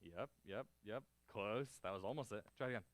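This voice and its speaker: A man with a fairly low voice speaks briskly in a dry space with no echo. He's teaching a martial arts class, calling out short, clipped counts and cues and offering encouragement while demonstrating moves.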